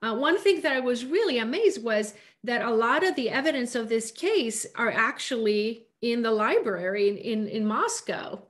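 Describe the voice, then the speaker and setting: A middle-aged woman from Greece talks casually through a laptop webcam from her home. Her voice sits a little high, and she rattles off quick bursts packed with fillers. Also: lively intonation. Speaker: director and producer. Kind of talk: casual Zoom Q&A. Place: home room. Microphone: laptop webcam on a video call.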